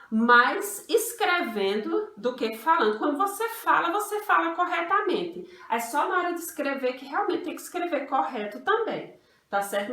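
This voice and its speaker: A woman's voice: a little high, a bit bright. A Brazilian woman teaching an online grammar lesson to young children, patient and repetitive, calling herself "tia". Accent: Brazilian Portuguese. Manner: patient, refers to herself as "tia", repeats rules slowly. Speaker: primary school teacher. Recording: echoey room, voice from a distance.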